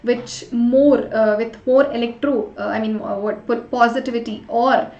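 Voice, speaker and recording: A woman's voice: on the high side, fairly even intonation, moderate pace, a little mellow. A woman teaching an interactive live online class, chatting with students and urging them along with short repeated prompts. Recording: roomy echo, slightly dull sound.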